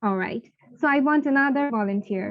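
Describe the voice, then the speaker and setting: Slow and encouraging, this woman teaches English in a live online class, drilling pronunciation by repeating words and blending Bengali, her native tongue, with English. Her slightly high voice reaches listeners through a video call with the highs cut off.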